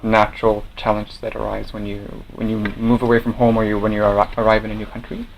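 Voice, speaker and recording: Young man from Norway, student leader, lowish voice, measured with fillers, faint ambience. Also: little pitch movement, gravelly, a little hiss or hum, low-quality recording. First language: Norwegian. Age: young adult. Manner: measured, with many fillers and restarts. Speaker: student association president. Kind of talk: interview answers.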